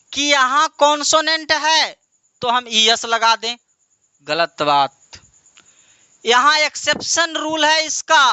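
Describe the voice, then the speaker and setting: High-voiced man teaching grammar. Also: pushed and bright, dry recording. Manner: asks questions and answers them himself, repeats key words. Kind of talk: classroom lesson.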